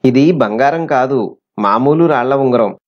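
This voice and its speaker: A man's voice: mid-range voice, a little slow, natural voice. A man voicing an honest, brave young schoolboy in a plain reading voice. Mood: indignant. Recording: slightly muffled recording.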